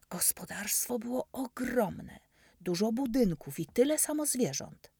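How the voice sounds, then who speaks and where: A woman narrating a children's story in the first person, expressive, sometimes dropping into soft whispers. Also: sits low, vocal fry, breathy edge, dry recording, clean studio sound.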